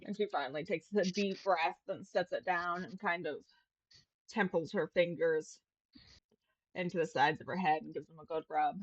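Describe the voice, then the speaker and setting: Low-voiced woman game master. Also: moderate pace, dry recording, dull audio. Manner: casual, meandering, filler-heavy. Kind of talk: narrating a tabletop game.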